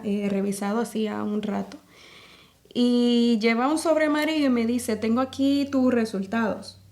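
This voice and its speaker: A woman's voice: fairly high pitch, darkish tone. A woman with a Salvadoran accent, a podcast guest earnestly telling a personal faith testimony and acting out the dialogue of the scenes she retells. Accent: Salvadoran Spanish.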